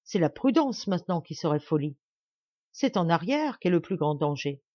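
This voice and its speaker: A woman's voice: on the low side, sing-song, moderate pace, dark tone. A woman voicing a fiery, defiant young woman who rouses a band of rebels with rising exclamations. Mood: rousing fierce. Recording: dull dry recording.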